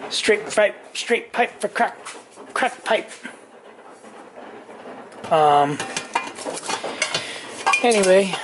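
The garage vlogger, a weary forty-something from Southern California, speaks extremely slowly with long pauses, his expressive voice sitting high over background noise. He chats to camera with plenty of ums and corrections, recorded on an on-camera mic that's either at arm's length or resting on a bench.

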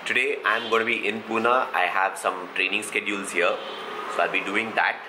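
A man's voice: lowish voice, steady tone, moderate pace, reverberant, background noise. A man in his forties with an Indian English accent, chatting to camera in a casual cycling vlog and explaining things step by step. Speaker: cycling vlogger. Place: hotel room, car and street at night. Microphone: handheld camera at arm's length.

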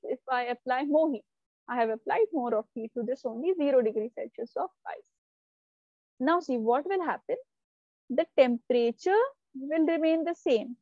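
A high-pitched woman teacher with a soft, mellow tone. She explains step by step and keeps checking that her students follow. The sound is dull and lo-fi, like online class audio, and very dry. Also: dry recording. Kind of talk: live online class lecture.

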